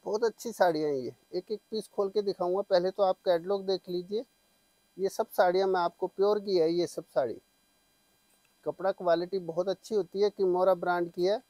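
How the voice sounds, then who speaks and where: A middle-aged man giving an eager teleshopping-style sales pitch, full of repeated assurances, as he presents products on a lapel mic. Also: fairly even intonation, fairly quick, mellow, dry recording, low-quality recording. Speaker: saree shop seller and presenter. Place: small saree shop, indoors. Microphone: clip-on lapel mic.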